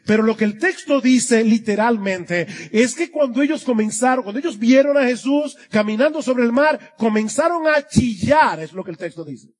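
A man's voice: very high-pitched, expressive, normal speed, few pauses. A man preaching an expository sermon to his congregation, earnest, with a voice that swells and drops for emphasis. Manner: earnest, rising and dropping for emphasis. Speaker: pastor.

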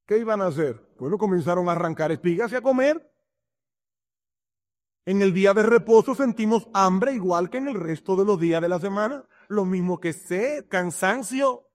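A male pastor delivering a sermon in a high-pitched voice. He reads verses and stresses his points with changing emphasis, now and then acting out little scenes. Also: lively intonation, normal speed. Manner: preaching with shifting emphasis and acted examples.

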